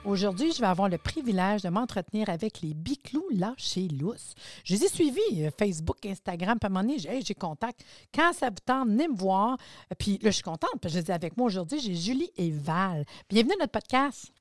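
A woman's voice: mid-range voice, sing-song, fairly quick, no room sound, studio quality. A woman with a Quebec French accent hosting a podcast interview, chatty and colloquial. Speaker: podcast host. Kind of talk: casual interview chat.

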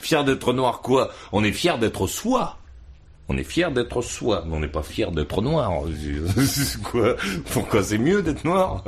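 A man's voice: mid-range voice, sing-song, slow pace. A man calling in over the phone to a radio debate, blunt and slangy, laughing at his own points. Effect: heard over the phone.

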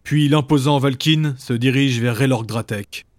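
A man narrating a fantasy story in a measured, dramatic way. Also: medium pitch. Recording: background music.

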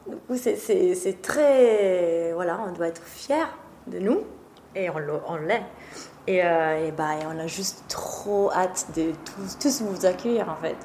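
A woman's voice: lowish voice, unhurried, warm tone. A young woman from northeast Italy, chatting in an interview with frequent fillers and laughs. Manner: hesitant, many fillers, laughs often. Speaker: guest, café co-owner. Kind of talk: casual interview chat. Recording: roomy sound with faint noise.

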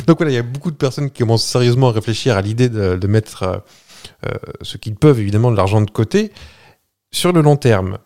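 A man's voice: medium pitch, animated, fast talker, mellow. A man co-hosting a podcast, explaining a topic in a chatty, jokey way with fillers and restarts. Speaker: podcast co-host. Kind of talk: casual chat.

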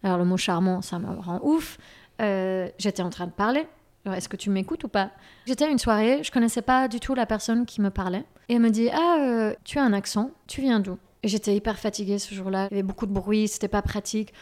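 A woman telling an annoying encounter in a lively, exasperated way. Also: mid-range voice, fast. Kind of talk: personal testimony.

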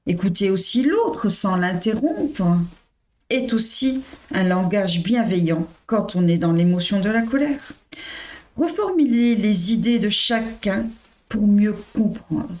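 A woman talks through advice on handling emotions in a calm, measured voice of middling pitch. She addresses the listener directly and keeps an even, explanatory manner. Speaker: podcast host. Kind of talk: explanatory self-help talk.

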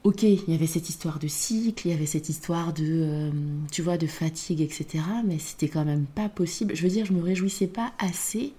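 Low, mellow-voiced woman podcaster. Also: fairly quick, hardly any pauses. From Côte d'Ivoire. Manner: reflective, hesitant, many fillers. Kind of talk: casual podcast conversation.

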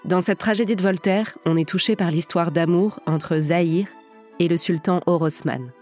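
A woman's voice: on the low side, darkish tone. Woman narrating a scripted podcast over music. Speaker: podcast host and actress.

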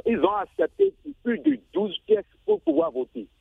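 A man's voice: very high-pitched, lively intonation, vocal fry. Man calling in on a tinny phone line. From Benin. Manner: halting, many restarts, grows heated. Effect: phone call into a radio show. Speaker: radio show caller. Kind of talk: listener calling in to give his opinion.

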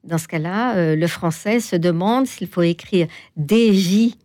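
A woman guest explaining things in an interview, hesitant, with many pauses and fillers. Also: fairly low pitch, dark tone, dry recording, clean studio sound. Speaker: toponymy expert guest. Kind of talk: interview answers.

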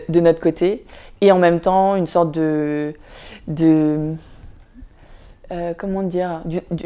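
A low-voiced woman whose first language is Vietnamese speaks in a mellow, smooth, reflective way as a filmmaker guest on a podcast. The casual interview talk is thoughtful but halting, with many fillers and restarts, and she addresses the listener with "tu vois."

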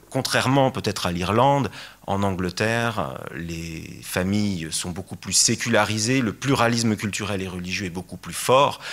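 A man's voice: fairly low pitch, a bit bright. A man giving a lecture talk, hesitant, with many fillers and restarts. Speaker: conference speaker.

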